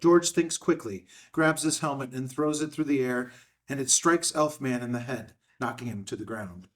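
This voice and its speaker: A man with a medium-pitched voice narrates scripted screenplay stage directions at a normal speed. He's picked up from a distant microphone, some way off.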